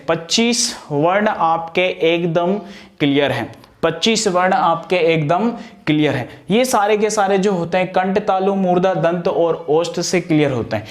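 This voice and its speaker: A man teaching an exam-prep grammar lesson, asking questions and answering them himself, and pronouncing each sound aloud for practice. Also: sits high.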